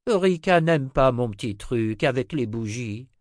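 A man voicing a grumpy but tender old male wizard, with a grumbling, gruff delivery. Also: mid-range voice, lively intonation, a little slow, no echo, studio quality, lightly acted.

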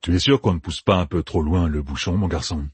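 A man doing a quiet, wry older man. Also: deep voice, fairly quick, husky, dry recording.

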